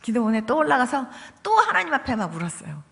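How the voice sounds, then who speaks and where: A woman pastor giving a testimony sermon, telling her story in an animated way and acting out her own and her family's words. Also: a little high, fast, gravelly, big-room sound.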